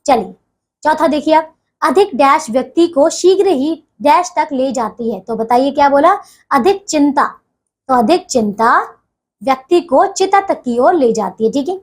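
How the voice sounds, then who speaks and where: Young female teacher, high-pitched, patient classroom explainer for children. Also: expressive, unhurried. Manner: patient, repeats "dekhiye" and "theek hai" often. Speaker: school teacher. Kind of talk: explaining a grammar lesson to children.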